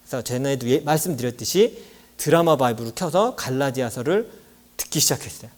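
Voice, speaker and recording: A man's voice: mid-range voice, expressive, fairly quick. A man preaching as a pastor in a church, talking animatedly and acting out quoted lines with a raised voice. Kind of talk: sermon.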